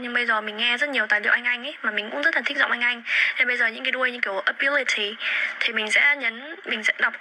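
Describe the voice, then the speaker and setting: A young woman with a voice on the high side chats casually as a livestream host on her phone. She repeats words while searching for them. The low-quality phone recording has steady background noise.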